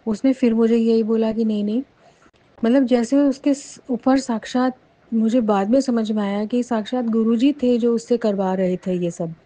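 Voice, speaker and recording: A woman recounting a personal testimony in a casual, animated way, with many fillers and restarts. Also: fairly high pitch, moderate pace, no echo. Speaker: devotee sharing a testimony. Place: lives near Jaipur.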